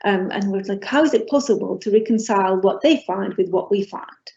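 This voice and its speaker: A middle-aged woman from Portugal giving an academic lecture as a professor, pausing often on ums and restarting her phrases. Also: mid-range voice, creaky, a little mellow. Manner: hesitant, many ums and restarts. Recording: dull lo-fi recording.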